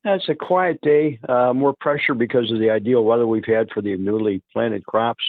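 A man talking over the phone as a market analyst guest, giving halting market commentary with many fillers. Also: mid-range voice, no echo. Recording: tinny phone line.

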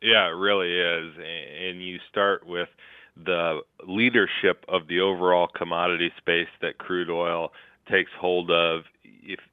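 Deep-voiced man talking over the phone. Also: flat delivery, smooth, no room sound. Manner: measured, analytical. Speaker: market analyst guest. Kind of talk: market commentary. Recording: tinny phone line.

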